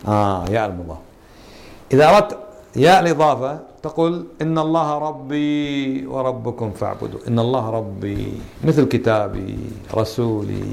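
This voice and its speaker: A man's voice: medium pitch, gravelly, a little mellow. Man, religious teacher, Quran interpretation lesson, quizzes students, repeats key words.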